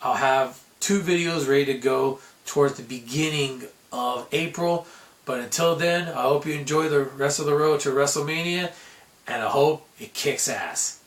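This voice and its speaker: A man's voice: mid-range voice, normal speed, reverberant. A man vlogging casually and giving opinionated, chatty talk straight to his viewers.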